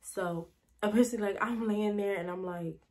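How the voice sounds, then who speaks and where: This young woman's voice is medium-pitched, warm, and steady, moving at a moderate pace. In her casual storytime vlog she rambles chattily, fills her speech with "like," and talks straight to the audience as "y'all."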